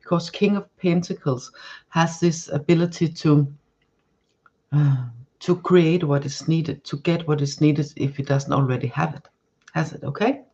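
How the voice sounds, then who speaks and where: A Danish-born tarot reader on a live stream lays out cards, hunting for words with frequent restarts and fillers. Her low voice is mellow with a breathy edge, paced evenly and measured in intonation. The audio is muffled.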